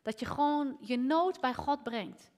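A woman's voice: high voice, unhurried. A woman preaching in a reverberant hall. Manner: lively, rising to near shouting, dropping to whispers. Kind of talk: sermon.

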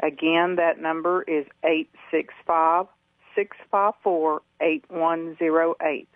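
A woman's voice: low-pitched, little pitch movement, slow, dry recording. A woman calling in over the phone to a radio show, hesitantly describing an item for sale and reading out her number twice. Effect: heard over the phone. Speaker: caller. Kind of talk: call-in classified listing. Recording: tinny phone line.

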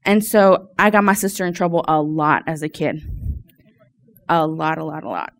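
A woman with a fairly low voice shares an informal personal testimony with a group. She is from Louisiana and speaks hesitantly, often pausing to search for words. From Louisiana, United States. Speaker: church member giving testimony.

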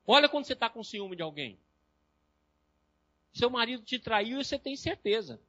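A lecturer with a Brazilian Portuguese accent teaches a live class in a high, bright voice. He tells lively stories and acts out his patients' voices along the way. The recording is dry and a little dull. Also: normal speed.

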